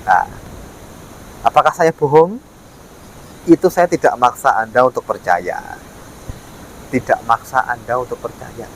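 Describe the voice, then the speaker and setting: A man's voice: medium pitch, low-quality recording. A man talks casually to camera as a vlogger, explaining and repeating his points. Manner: explanatory, repeats himself, frequent tag words. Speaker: ghost-hunting vlogger. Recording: faint ambient and vehicle noise.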